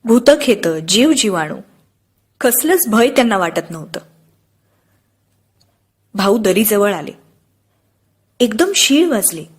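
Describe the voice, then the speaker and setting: A woman narrating an audiobook in a steady, expressive storytelling manner. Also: mid-range voice, slow pace, long pauses, breathy edge.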